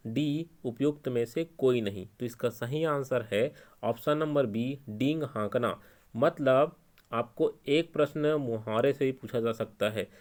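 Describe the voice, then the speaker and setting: Casting: man, Chhattisgarhi Hindi accent, exam-prep teacher, patient and repetitive. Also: mid-range voice. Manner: explains step by step, repeating key answers.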